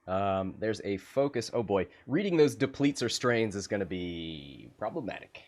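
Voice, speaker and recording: A man doing casual game commentary on a livestream, laughing often and getting excited. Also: fairly low pitch, moderate pace.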